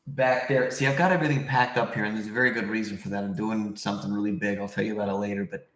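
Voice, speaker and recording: A man's voice: lowish voice, fairly even intonation, rapid-fire, a bit bright. A man hosting a casual livestream, rambling conversationally as he answers viewers, recorded in a very echoey room. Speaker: livestream host.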